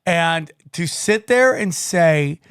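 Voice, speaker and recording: A man hosting a podcast, talking in an animated, ranting way and swearing freely. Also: fairly high pitch, slow, clean tone, no echo, studio quality. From Armenian family from Turkey. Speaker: podcast host. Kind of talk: casual podcast chat.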